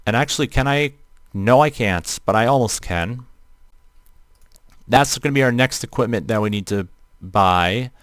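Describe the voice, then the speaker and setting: A man with a robotic-sounding natural voice, giving casual live game commentary in a halting way, often rephrasing as he goes. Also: medium pitch, a bit bright, no echo, studio quality. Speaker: livestreamer playing an online role-playing game. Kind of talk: casual gameplay livestream commentary.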